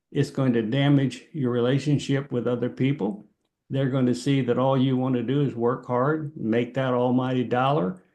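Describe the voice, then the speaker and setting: A man teaching a Bible class in a sermon style, earnest, repeating key phrases for emphasis and pausing often. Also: mid-range voice, darkish tone.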